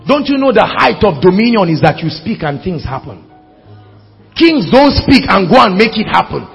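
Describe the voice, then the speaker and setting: A man preaching a sermon with a Nigerian accent, shouting exhortations and firing rhetorical questions at the congregation. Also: sits high, big pitch swings, moderate pace, gravelly, breathy edge, in a large hall, soft background music. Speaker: pastor.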